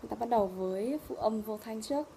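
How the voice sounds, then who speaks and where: A woman with a Vietnamese accent teaching English pronunciation. She explains in Vietnamese and says each English word slowly and loudly. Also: on the high side, gravelly, slight background noise. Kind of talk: pronunciation lesson.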